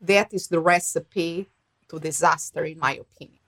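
A woman's voice: deep voice, fairly even intonation, normal speed, a bit bright. Portuguese lady, middle aged, chatty and thoughtful, telling stories. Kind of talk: conversational discussion.

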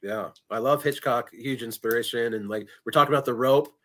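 A man with a medium-pitched voice talks as a guest filmmaker. He is casual and enthusiastic, pausing hesitantly as he goes. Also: bright, forceful tone. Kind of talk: casual interview chat.

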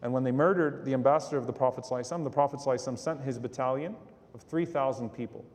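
Fast-talking male lecturer in a reverberant hall. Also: mid-range voice, a little mellow. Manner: quotes Arabic then explains in English. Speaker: Islamic lecturer. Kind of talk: sermon storytelling.

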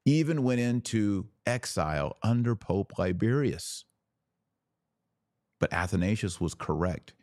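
Unhurried and expressive, a man with a lowish, slightly mellow voice hosts a podcast and gives an impassioned religious monologue, urging listeners on with repeated phrases and rhetorical questions. The sound is dry and clean, as in a studio.

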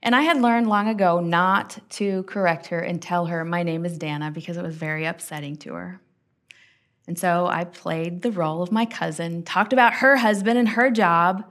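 Soft-spoken woman telling a personal story. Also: fairly low pitch, normal speed. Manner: intimate, earnest, drops to soft quiet tones. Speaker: podcast host and Bible teacher.

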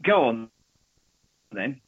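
A man calling in as a motorsport correspondent, chatty and excitable, his voice coming through a thin, phone-like headset line. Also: mid-range voice, drawn-out words, no room sound. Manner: chatty and excitable, talks over others. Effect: thin phone-like line through a Bluetooth headset. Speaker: Formula One correspondent. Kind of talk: casual chat. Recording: thin, muffled call line, dry.

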